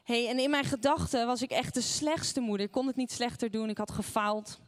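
A woman's voice: fairly high pitch, fairly even intonation, brisk. A woman preaching a sermon, telling a personal story and asking the listeners questions along the way.

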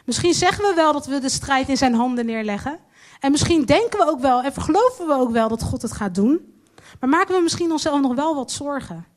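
A woman preaching a sermon, earnest and slowing down to stress her key lines. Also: high-pitched, animated.

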